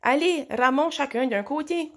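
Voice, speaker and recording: Woman reading as a brave, caring young female wolf, raised pitch, determined storybook voice. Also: moderate pace, natural voice.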